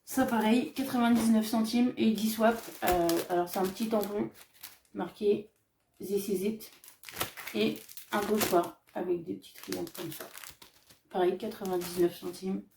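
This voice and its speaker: A woman vlogger casually showing off her craft shopping haul, chatty and hesitant, often pausing on fillers as she describes each item. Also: medium pitch, steady tone, vocal fry, recorded from a distance, background noise. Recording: echoey room, voice off-mic.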